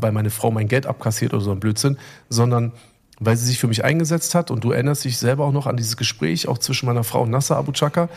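A middle-aged man talks in a loose, rambling way, full of fillers and restarts. He tells his story with open emotion. His pitch sits in the middle of the range. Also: a little mellow. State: recovering from illness. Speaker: podcast co-host. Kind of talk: casual chat.

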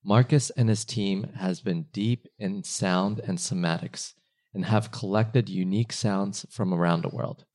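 A man's voice: low voice, fairly even intonation, a little slow, a little mellow. A man hosting a podcast, asking friendly, curious questions. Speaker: podcast host. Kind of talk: podcast interview.

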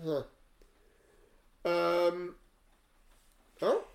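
Slow-talking easygoing podcast guy. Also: high voice, gravelly, reverberant. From Philadelphia. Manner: easygoing, laughs often. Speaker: podcast co-host. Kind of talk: casual podcast chat.

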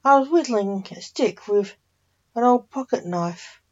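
Slow measured woman narrating horror. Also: fairly high pitch, lively intonation. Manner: slow, measured rhyming reading. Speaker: podcast host and poet. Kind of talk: scripted horror story narration. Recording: dull lo-fi.

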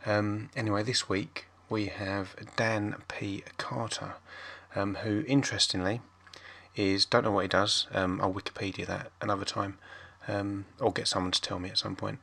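A man casually introducing a podcast as its host, deadpan, rambling and sweary. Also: on the low side, moderate pace, creaky.

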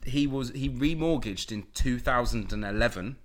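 A man co-hosting a casual podcast chat, talkative and quick to argue his point, swearing freely. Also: mid-range voice. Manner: chatty, argumentative, swears. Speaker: podcast co-host.

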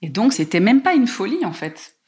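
A woman from France telling a personal story in a lively, emotional way, with many small hesitations. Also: mid-range voice, moderate pace. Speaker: guest telling her life story.

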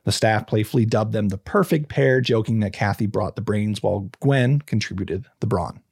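A man with a husky, slightly breathy voice tells a true crime story in a casual podcast chat. He reads from notes, trips over words and restarts, then breaks off into loose asides. The sound is close and dry, with no room around it. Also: lowish voice, moderate pace, a little mellow, no echo. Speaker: podcast host telling a true crime case.

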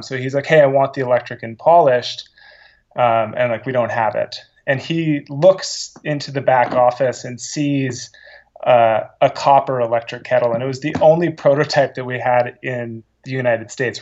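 A man's voice: mid-range voice, dull audio. A man who runs a coffee company, telling stories in an interview with eager restarts. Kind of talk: casual interview answers.

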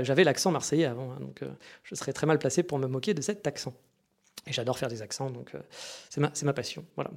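A man's voice: medium pitch, a little mellow. A man hosting a casual monologue, chatty and meandering, with frequent asides to his listeners. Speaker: podcast host.

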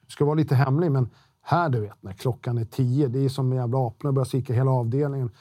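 A man's voice: medium pitch, fairly even intonation, mellow, no room sound, clean studio sound. A middle-aged man talking as a podcast guest, blunt and slangy, swearing freely and restarting often. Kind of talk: casual interview talk.

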